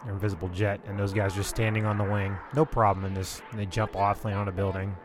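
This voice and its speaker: Man, casual watch-along commentary, lowish monotone, offhand, music in the background. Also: fast. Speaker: commentator describing a cartoon.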